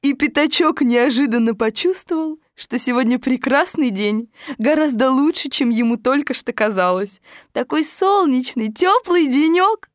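A woman reading a children's storybook aloud in a slow, expressive, gentle way. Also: high voice, dry recording, clean studio sound.

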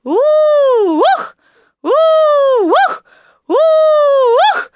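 A woman voicing a tiny, indignant piglet in a storybook reading, squeaky, anxious and exclaiming. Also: huge pitch swings, takes it slowly, pushed and bright, no echo, studio quality, full character voice. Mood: gasping. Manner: exclaiming, stammering when frightened.

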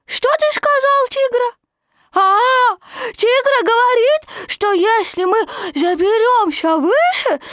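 A woman voicing an excited little male baby kangaroo who chatters eagerly. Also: extremely high pitch, no room sound, studio quality, voice pushed up, heavily acted.

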